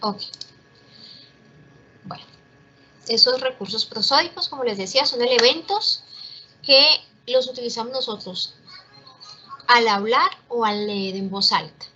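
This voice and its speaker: A woman's voice: on the high side, unhurried, long pauses, sharp tone, lo-fi sound, slight background noise. A woman teacher giving an online class, explaining step by step and checking in with her students as she goes. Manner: explains step by step, often checks in with "¿listo?" and "¿cierto?".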